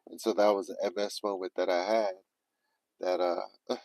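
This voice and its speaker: A man's voice: deep voice, normal speed, gravelly, dry recording, rough recording. A man telling a story casually on a livestream, swearing often and acting out his own panicked self-talk. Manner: animated, profane, retelling with quoted self-talk. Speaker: livestream vlogger.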